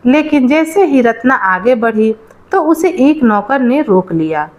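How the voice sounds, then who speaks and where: A woman tells a moral folk tale in a fairly high voice whose pitch rises and falls in a lively way. She takes her time over each sentence like a storyteller, never hurrying, and the audio sounds dull.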